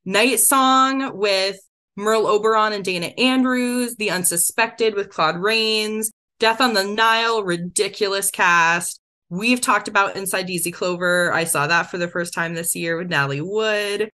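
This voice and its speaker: A woman co-hosting a podcast, chatting casually and reading through a quick list with enthusiasm. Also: medium pitch, sharp tone. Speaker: podcast co-host. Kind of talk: casual chat.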